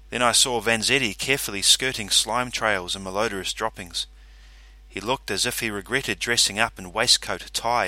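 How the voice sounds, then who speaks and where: Audiobook narrator, male, low voice with a bright forceful edge, dry close sound. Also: no room sound. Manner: steady, measured storytelling. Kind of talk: scripted narration.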